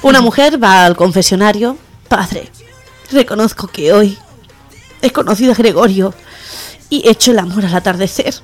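A woman hosting a radio comedy show, telling jokes in a lively way and acting out the characters with quick pitch jumps. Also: soft background music.

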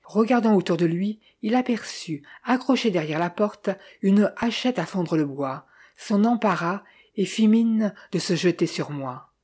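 A woman narrating a first-person detective novel in a measured, even storytelling voice. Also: medium pitch, husky. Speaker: audiobook reader.

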